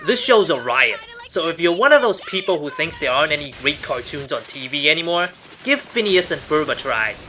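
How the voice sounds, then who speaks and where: The host of an online cartoon countdown show narrates a scripted review over background music, his fairly high, sharp voice swinging widely in pitch at a fairly quick pace. His delivery is emphatic, with wry asides.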